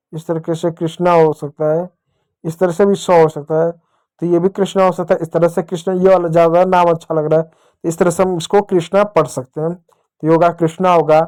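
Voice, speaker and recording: Male teacher, patient, spells words out for kids, clear, slightly high voice. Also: level tone, darkish tone. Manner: patient, repeats words slowly and calls the kids dear children. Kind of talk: children's reading lesson.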